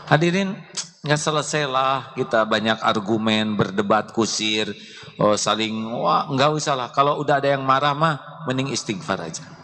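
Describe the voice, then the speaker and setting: A man's voice: medium pitch, moderate pace, bright, forceful tone. A man preaching a sermon to a live audience, playfully quizzing them.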